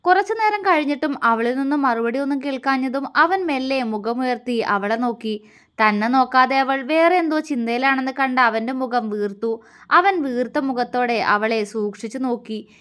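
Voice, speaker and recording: A woman storyteller reading a romantic story aloud in a calm, even way. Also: high-pitched, normal speed. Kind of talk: scripted story narration.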